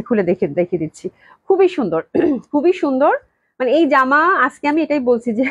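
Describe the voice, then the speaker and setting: A woman's voice: fairly high pitch, breathy edge, no room sound, dull audio. A woman, chatting casually as she sells clothes on a live stream, greeting viewers by name and repeating her praise. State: slightly hoarse from a cold. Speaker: online clothing seller hosting a live sale.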